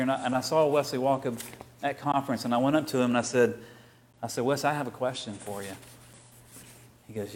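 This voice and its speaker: A man's voice: mid-range voice, a little hiss or hum. Man preaching a story-filled sermon. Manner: conversational, quotes others in lively bursts. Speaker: pastor.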